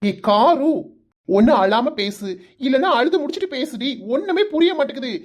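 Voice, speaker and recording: A woman's voice: high-pitched, big pitch swings, moderate pace. A woman voicing a teasing, exasperated young man in a cartoon, with a Kanyakumari Tamil accent, coaxing and playfully scolding. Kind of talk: cartoon voice acting.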